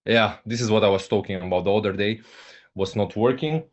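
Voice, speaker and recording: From Bulgaria, with Russian as his first language, a company ambassador hosts a live online business presentation on a video call. His lowish voice moves fairly quickly, yet he is hesitant, uses frequent fillers and repeats "okay, guys." Audio is dull and lo-fi.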